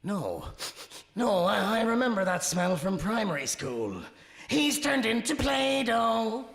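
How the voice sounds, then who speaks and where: Brief: man voicing a grumbling goblin-like sidekick, high, swooping, roomy reverb. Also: takes it slowly, heavily acted. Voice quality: gravelly, grumbling, excitable. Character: grumbling male Puka spirit, villain's sidekick. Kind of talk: comic radio play. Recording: echoey room with long reverb.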